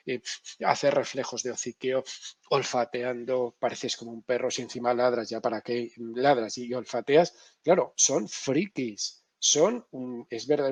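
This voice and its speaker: Husky man giving a lively lecture. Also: medium pitch, dry recording. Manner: animated, emphatic, tag questions. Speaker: neuropsychology lecturer.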